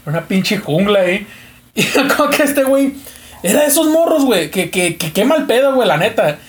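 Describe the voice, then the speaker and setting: A man's voice: high voice, big pitch swings, brisk. A man with a Mexican accent telling anecdotes in casual, slangy and profane street talk as a podcast guest. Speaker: podcast co-host, returning guest.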